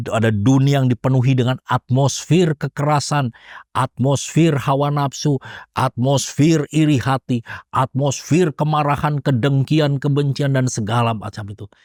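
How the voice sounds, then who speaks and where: A man's voice: mid-range voice, a little mellow, dry recording, studio quality. A man, a pastor preaching a sermon, rising into emphatic bursts.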